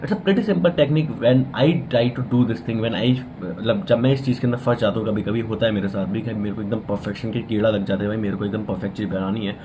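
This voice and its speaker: A man's voice: lowish voice, fairly quick, hardly any pauses, noisy background. A young man from India with an Indian accent, giving a casual motivational talk that switches between Hindi and English, blunt and swearing, calling the listener bro. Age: young adult. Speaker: motivational vlogger.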